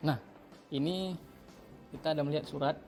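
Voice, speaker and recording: A man's voice: on the high side, fairly even intonation, normal speed, gravelly, a little mellow, soft background music. Polite male interviewer at a museum. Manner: polite, with frequent fillers. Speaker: interviewer and host. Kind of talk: on-location interview. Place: museum exhibition hall.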